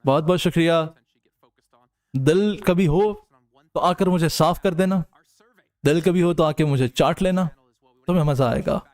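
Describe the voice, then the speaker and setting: Tired young streamer, joking. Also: male voice, a little high, darkish tone. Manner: joking, banters with chat, lapses into crude banter. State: tired from no sleep. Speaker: streamer and caster. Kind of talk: casual chat reading live comments.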